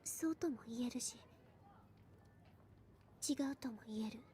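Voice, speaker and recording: A woman voicing a hushed, secretive teen girl. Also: fairly high pitch, normal speed, a little hiss or hum, close to an everyday voice. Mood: soft. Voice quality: soft, hushed. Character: gentle, secretive teenage girl, soft-spoken. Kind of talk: anime game voice acting. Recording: voice clip played from a game.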